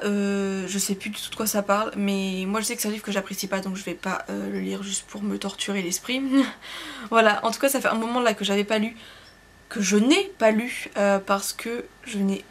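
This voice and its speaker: A young woman reviewing books in a casual vlog, rambling and hesitant, full of fillers and self-corrections, and quick to poke fun at herself. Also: medium pitch, a little hiss or hum. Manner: self-deprecating, laughs at herself. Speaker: book vlogger.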